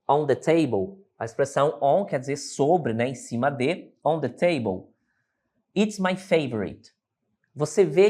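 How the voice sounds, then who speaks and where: A man's voice: medium pitch, darkish tone. A Brazilian man teaching an English lesson. He explains step by step and keeps checking in with short tag questions. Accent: Brazilian Portuguese.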